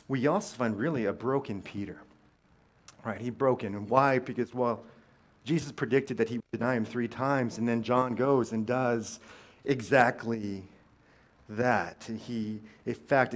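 A man preaches in a church with a relaxed, storytelling manner, full of fillers and restarts. His voice sits at an ordinary middle pitch. He leans into some words with lively emphasis. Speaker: pastor. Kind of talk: conversational sermon. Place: church sanctuary.

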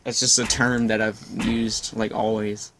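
A man's voice: fairly low pitch, level tone, a little slow, background noise. Joking young man playing a game. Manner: goofy, jokey, laughs often. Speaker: let's play gamer. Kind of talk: casual gameplay commentary.

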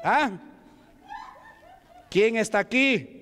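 A man's voice: very high-pitched, drawn-out words, slight background noise. A man from Peru preaching as a deacon, commanding and rebuking at a deliverance service in a church. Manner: commanding, repetitive shouted rebukes. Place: church sanctuary. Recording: echoey church hall.

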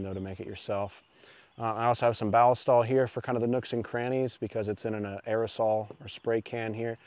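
A man in his thirties who hosts a muzzleloading channel gives a casual, self-deprecating how-to demonstration out in the woods, speaking into a clip-on lapel mic. His voice sits on the low side and sounds smooth, and the recording is dry.

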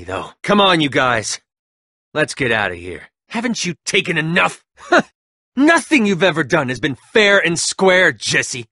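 In this video game voice acting, a cocky young gang leader sneers at his rivals and taunts them with mocking laughs. His exaggerated voice swings widely in pitch with a bright, sharp edge, recorded dry and close in a studio.

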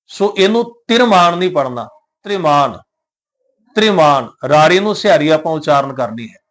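A man teaching a scripture lesson, reciting each verse slowly, then explaining every word to the listeners he addresses. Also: fairly high pitch, fairly bright tone. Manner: addresses the listeners directly and often. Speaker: Gurbani teacher.

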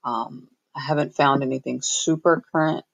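A woman's voice: deep voice, steady tone, creaky, no echo, low-quality recording. A woman hosting a fitness video, talking through a web page on a webcam with frequent ums and restarts. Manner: halting, many ums and restarts. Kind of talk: casual screen-share explainer. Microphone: webcam on a computer.

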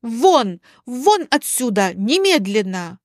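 A woman voicing a furious young wife who snaps sharp commands in a spoken story. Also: a little high, big pitch swings, extremely slow, no echo, clean studio sound, heavily acted.

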